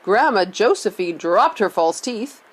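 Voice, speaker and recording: A woman reading a children's novel aloud, expressive and lively. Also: medium pitch, unhurried. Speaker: reader.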